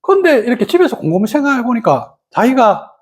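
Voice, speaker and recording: Animated meditation teacher telling a story. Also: brisk. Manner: animated storytelling, many fillers, sudden pitch leaps. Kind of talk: storytelling dharma talk.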